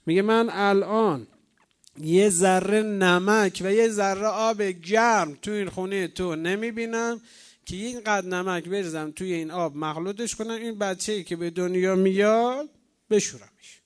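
A man's voice: extremely high pitch, voice pushed up. A man voicing a nagging woman midwife who scolds and gives urgent orders. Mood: scolding.

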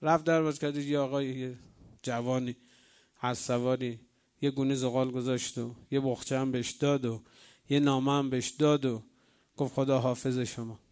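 A man preaching a sermon as a story, swinging from loud calls to hushed tones and speaking straight to his listeners. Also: medium pitch, flat delivery, clean tone. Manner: addresses the congregation directly.

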